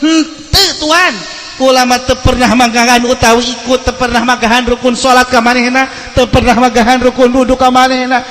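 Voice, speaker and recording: This male preacher's voice is extremely high in pitch and fairly bright, delivered flatly at a moderate pace with heavy reverb. Telling a sermon story to his congregation, he shifts theatrically between narration and acted-out, heightened quotes.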